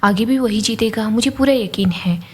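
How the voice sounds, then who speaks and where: Young woman read by a woman, reassuring, hopeful, husky. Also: a little high, moderate pace.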